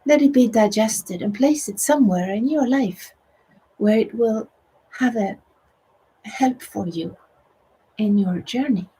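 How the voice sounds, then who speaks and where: In a soft, soothing voice that frequently fades to a whisper, a middle-aged native Swedish speaker with a Swedish accent leads guided meditation and spiritual teaching. She speaks a little high and slowly, pausing often, with a slightly rough tone captured on a rough recording.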